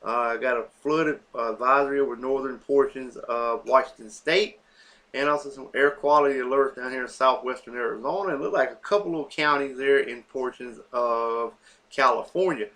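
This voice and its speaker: A man hosts a weather forecast, working off the cuff through the maps and a list of places, full of fillers and self-corrections. He has a mid-range, slightly bright voice and speaks at a normal speed.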